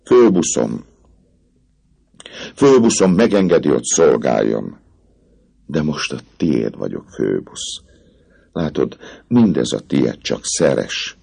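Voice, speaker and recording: A man's voice: rumbling low, sing-song, gravelly, long pauses, warm tone, breathy edge, heavily acted. A man voicing a passionate young woman who pleads with the man she loves, in an impassioned, breathless way. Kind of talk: audiobook character voice.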